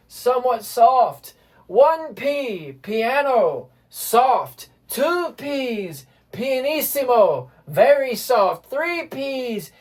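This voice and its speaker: A music teacher giving a casual lesson, explaining at an easy pace and often checking in with "right?" while restarting phrases. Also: mid-range voice. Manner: relaxed, keeps checking with "right?".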